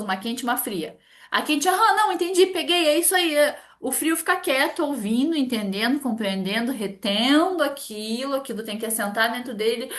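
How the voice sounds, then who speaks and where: A middle-aged woman from Brazil, a therapist explaining in a chatty, animated way and acting out little dialogues. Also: a little high. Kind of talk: casual explanatory talk to camera.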